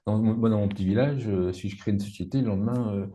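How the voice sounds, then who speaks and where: Relaxed French interviewer, mellow voice. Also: male voice, on the low side, fast. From Savoie, France. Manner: conversational, hesitant questioning. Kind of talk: casual interview.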